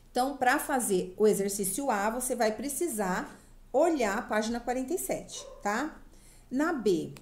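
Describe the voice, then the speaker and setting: Patient woman teaching young children. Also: fairly high pitch. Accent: Brazilian Portuguese. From Brazil. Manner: patient, explains slowly and checks in often. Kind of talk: remote class lesson for children.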